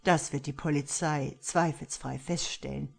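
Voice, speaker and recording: A woman's voice: sits low, fairly even intonation, creaky, heavily acted. Woman playing a mocking demonic killer. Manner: slow, mocking, taunting. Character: sneering demonic male killer, calm and cruel.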